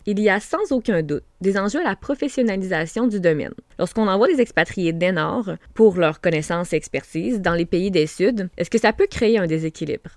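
A woman with a Québécois French accent hosting a podcast, reading her introductions and questions in a measured way. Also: mid-range voice, lively intonation, a little mellow, no room sound, studio quality. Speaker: podcast host.

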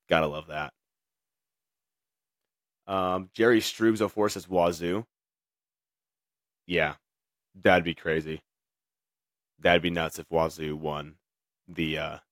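A man's voice: sits low, dry recording, clean studio sound. A young man hosting a casual sports talk show, reading viewer comments and rambling through his takes with many fillers and restarts. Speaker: podcast host.

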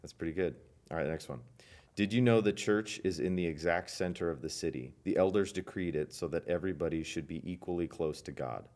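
Man, very low voice, casual church podcast host, playful quizmaster, reads quotes slowly. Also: a little mellow. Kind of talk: casual chat.

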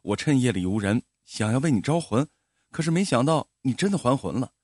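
A gentle, devoted young village man speaks with earnest reassurance, as a male storyteller reads his lines. His mid-pitched voice rises and falls freely, and the recording is dry and close. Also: animated, fairly quick, dry recording, close to an everyday voice. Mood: earnest soothing. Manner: soothing, earnest.

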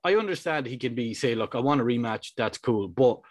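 Young man, podcast co-host, animated, swears freely, dry close sound. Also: mid-range voice, a little fast, no echo. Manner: animated, sweary, acts out quotes. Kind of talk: casual chat.

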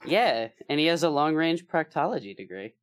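A man with a high-leaning voice co-hosts a podcast, trading casual comedic chat at a moderate pace. He's animated, makes bawdy jokes and laughs often. The sound is clean.

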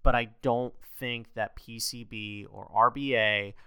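Bright, fast-talking young man. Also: mid-range voice, vocal fry, clear, resonant tone, no room sound. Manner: fast, excitable, laughs often, lots of "like". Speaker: podcast co-host. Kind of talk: casual podcast chat.

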